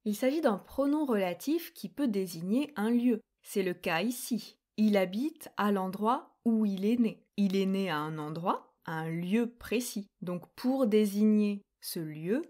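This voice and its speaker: A young woman presenting a scripted grammar quiz lesson, explaining slowly, clearly and deliberately. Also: medium pitch, expressive, mellow. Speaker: French grammar teacher.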